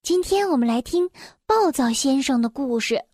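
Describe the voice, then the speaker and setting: A young woman reading a children's story aloud, gentle and expressive, speaking directly to the children. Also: high voice, moderate pace, no echo, clean studio sound.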